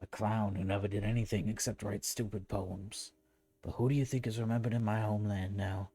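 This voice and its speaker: A man's voice: on the low side, fairly even intonation, a little fast, dark tone, slightly rough. Man voicing an old Sicilian mafia boss. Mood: solemn, boastful. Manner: shaky put-on Italian accent.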